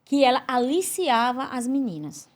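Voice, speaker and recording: A woman gives a religious testimony as a podcast guest. Her voice sits fairly high and swings widely as she tells her story, acting out the other voices with big leaps in pitch. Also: very animated, moderate pace.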